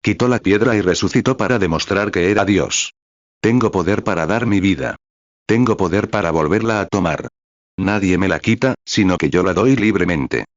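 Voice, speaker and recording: A man with a low voice delivers a sermon, reading scripture aloud and naming each chapter and verse before he reads it. He breaks in with fervent interjections between the passages. The recording is dull and lo-fi, with a dry, close sound. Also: no room sound. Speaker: preacher.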